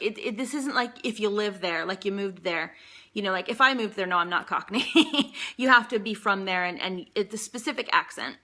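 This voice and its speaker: A woman's voice: medium pitch, sharp tone. A woman vlogging in casual chat, rambling along with frequent ums and asides as she answers a list of questions.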